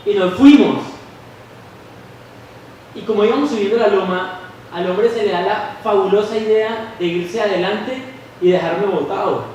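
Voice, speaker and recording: A young man with a Colombian Spanish accent preaching a sermon, animated, acting out the voices of people in his stories. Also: high-pitched, a little hiss or hum. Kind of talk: sermon with storytelling. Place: church hall. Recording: echoey hall from far off.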